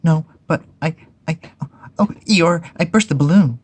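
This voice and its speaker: A man voicing Piglet, a small timid young male piglet in a storybook reading, with a fretful, squeaky manner. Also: very animated, brisk, darkish tone, breathy edge. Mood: distressed.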